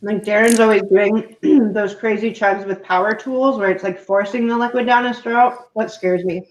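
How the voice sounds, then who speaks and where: Woman, echoey dull recording, casual eating-contest chat, frequent throat clearing. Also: mid-range voice, steady tone, moderate pace. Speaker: competitive eater. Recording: echoey, muffled, noisy room sound.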